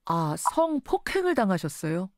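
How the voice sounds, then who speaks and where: A woman's voice: medium pitch, sing-song, normal speed, no room sound, clean studio sound. A woman hosting a radio news interview, articulate, restating what she hears as questions. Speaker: radio news show host.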